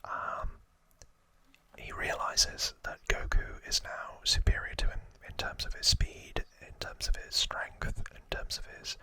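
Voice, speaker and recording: Here an ASMR video host whispers an informal, rambling recap into a close microphone, pausing in hesitation and correcting himself. His unvoiced whisper is a little slow, bright, and forceful, and there is no echo.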